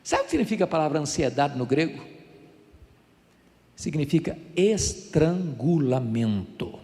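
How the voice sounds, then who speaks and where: Animated Brazilian pastor preaching. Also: male voice, a little high, unhurried, in a large hall. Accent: Brazilian Portuguese. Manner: animated storytelling, acts out voices, builds to fervent prayer. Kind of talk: sermon.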